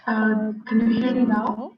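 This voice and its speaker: A woman's voice: a little high, level tone, a little slow, soft background music. A woman chairing an online conference session, talking hesitantly with many fillers, her voice coming through with heavy echo and muffled, distant sound on a video call. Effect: heavy echo, muffled distant audio.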